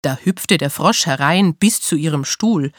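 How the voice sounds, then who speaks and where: A woman reading a fairy tale aloud in a clear, expressive way. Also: sits low, measured pace, no echo, studio quality. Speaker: storyteller. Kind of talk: storybook reading.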